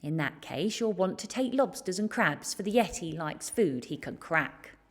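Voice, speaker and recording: Storybook she-monster, played by a woman reader: huge, affronted, growly, swinging widely in pitch, slightly husky. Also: animated, moderate pace. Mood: bossy, advising. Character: indignant, furious, glaring female mountain monsters.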